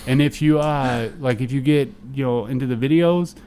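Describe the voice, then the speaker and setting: A man's voice: mid-range voice, moderate pace, dark tone, slight background noise. A man co-hosting a podcast in casual chat, rambling and profane, with lots of fillers. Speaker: podcast co-host.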